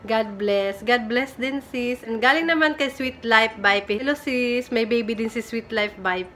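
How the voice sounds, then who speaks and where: A woman's voice: on the high side, a little slow, fairly bright tone, slight background noise. A young woman from the Philippines casually chatting on her home vlog, giggly and self-teasing as she reads viewer comments. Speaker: vlogger. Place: home room in Japan. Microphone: phone camera.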